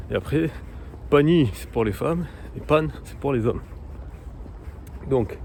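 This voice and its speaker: A man chats casually as he strolls outdoors, his mid-pitched voice warm and mellow. He stumbles through filler words and slows right down to sound out unfamiliar terms. A faint hum of outdoor ambience and passing traffic sits behind him. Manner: hesitant, many fillers, sounding out foreign words slowly. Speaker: vlogger learning Polish. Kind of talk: casual walking vlog. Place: outdoor park in cold weather.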